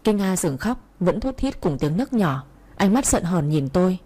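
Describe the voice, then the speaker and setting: A woman telling a first-person story aloud in a blunt, wry manner. Her voice is warm and mellow with a breathy, slightly husky texture. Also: fairly low pitch, very animated, moderate pace. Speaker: narrator.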